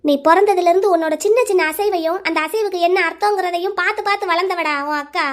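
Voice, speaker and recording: A woman's voice: very high-pitched, fairly even intonation, quick pace. A woman voicing a protective older sister in a cartoon drama, scolding her younger brother bluntly. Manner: scolding, forceful.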